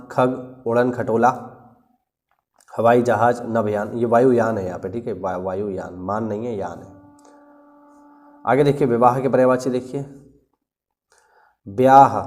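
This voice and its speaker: A male teacher giving an exam-prep lesson, working slowly through lists of words and often clearing his throat. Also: medium pitch, darkish tone. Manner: slow, deliberate listing with frequent "ठीक है" check-ins.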